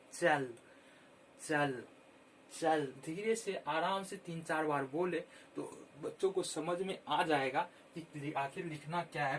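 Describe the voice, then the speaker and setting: A man teaching children how to spell words, repeating each word slowly and clearly. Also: on the high side, a little hiss or hum. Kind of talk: slow, patient Hindi spelling lesson.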